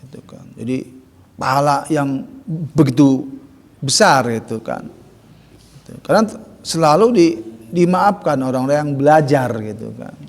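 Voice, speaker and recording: A man's voice: medium pitch, lively intonation, moderate pace, long pauses. A man teaching Quran recitation, drilling letter sounds in chanted syllables. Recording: long hall reverb.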